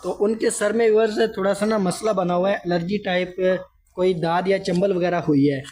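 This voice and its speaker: Speaking a little fast, this Pakistani man has a high-sitting, darkish voice with fairly even intonation and a throat made sore by a cold. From a hot store room in a village house, he chats his way through casual vlog narration, often turning to address viewers.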